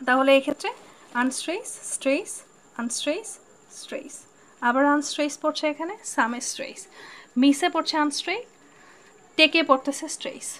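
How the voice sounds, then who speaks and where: Woman, Bangladeshi accent, high-pitched, patient tutor, slow careful reading, frequent check-ins. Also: fairly bright tone. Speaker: English literature tutor. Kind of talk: online exam-prep lesson.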